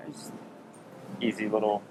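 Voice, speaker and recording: A man's voice: fairly low pitch, level tone, measured pace, background noise. A man working as a chef, walking through a cooking demonstration step by step with easy fillers.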